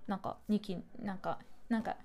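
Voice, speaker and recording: A woman's voice: medium pitch, fairly even intonation, moderate pace, warm tone. A woman hosting a radio show in casual chat, playful and rambling, laughing often, into a studio microphone. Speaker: radio host.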